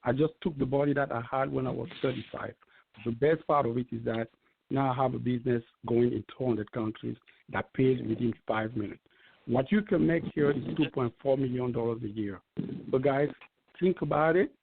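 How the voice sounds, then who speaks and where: Calling in as a guest speaker, a Cameroonian man in his fifties offers an earnest, persuasive testimonial at a moderate pace. His mid-range voice is creaky, and the tinny, phone-like line carries a little hiss or hum.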